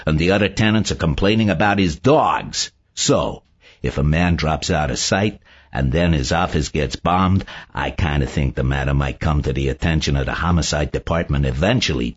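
A man's voice: sits low, husky. A man voicing a tough, shrewd male bomb-squad chief who talks bluntly, in a storybook reading. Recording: dull lo-fi audio.

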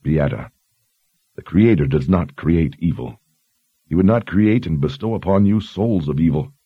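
A man voicing a stern but kind lord who speaks in a quiet, grave, measured way. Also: sits low, animated, breathy edge, dry recording, narrow, tinny audio.

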